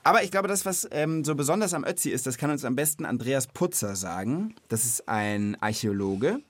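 A man who hosts a children's knowledge podcast talks a little fast in an animated, mid-range voice, with no echo. He explains things to a child casually and with curiosity, regularly checking in through questions.

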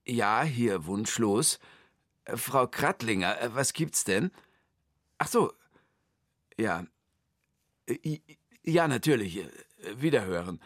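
A man's voice: mid-range voice, lively intonation, takes it slowly, pauses often, a little hiss or hum. A man voicing an indecisive, fussy grown man in a children's radio story, speaking in a hesitant, stammering, whiny way.

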